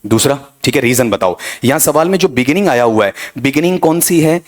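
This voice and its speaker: A man's voice: mid-range voice, expressive, a little fast. Man coaching English grammar. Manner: drilling, questioning students, calls them beta ji. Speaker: English teacher. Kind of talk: exam coaching lesson.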